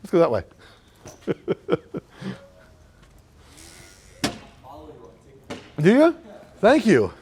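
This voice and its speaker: A man's voice: a little high, huge pitch swings, very slow, long pauses, noisy background. A man, chatty and enthusiastic, laughing often as he guides a walking tour through city streets outdoors.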